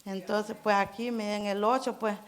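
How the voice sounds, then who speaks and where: Halting, earnest woman preaching in church. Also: medium pitch, fairly even intonation, a little hiss or hum. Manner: halting, earnest, many restarts and repeated words; keeps urging listeners to imagine. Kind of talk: informal Spanish-language church sermon.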